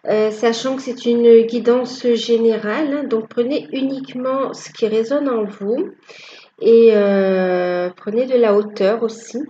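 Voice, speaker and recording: Woman, tarot reader, higher voice, unhurried, halting and repetitive, muffled recording. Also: fairly even intonation, warm tone, slight background noise. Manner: halting, repeats phrases. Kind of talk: tarot reading video.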